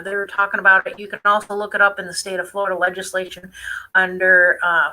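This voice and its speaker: Woman streamer rambling with lots of ums, really bright sharp voice. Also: on the low side, poor audio. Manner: chatty, many fillers, defiant. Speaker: online show host. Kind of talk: casual live-stream commentary.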